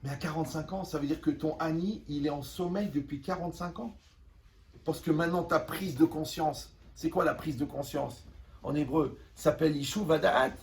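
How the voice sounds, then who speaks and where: A man teaching a lively class to teenagers, repeating phrases, asking if the class follows, and acting out little scenes. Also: on the high side, moderate pace, vocal fry. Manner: animated, repeats phrases, asks the class "vous me suivez"; acts out little scenes in quoted voices. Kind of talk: lively spoken lesson to a class. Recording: voice from a distance with faint room noise.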